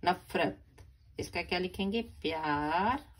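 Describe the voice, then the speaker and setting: A woman's voice: on the low side, slow. A woman teaching a grammar lesson to young children, patiently spelling out words syllable by syllable. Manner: repeats and stresses each word for children. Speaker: primary school teacher.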